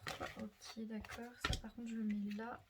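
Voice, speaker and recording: A woman giving a casual tarot reading, thinking aloud with many fillers and soft murmurs to herself as she draws cards. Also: fairly high pitch, little pitch movement, normal speed, very noisy. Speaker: tarot reader.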